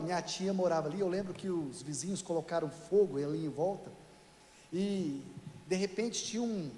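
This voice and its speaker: Male pastor from Brazil, higher-pitched voice, chatty sermon style with asides to the congregation, echoey church sanctuary. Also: dark tone, slight background noise. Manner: conversational, joking with the congregation; addresses listeners as "querido".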